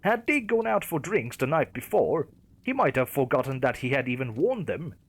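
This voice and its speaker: A man's voice: medium pitch, sing-song, normal speed. A man narrating a creepypasta story in a wry storytelling manner.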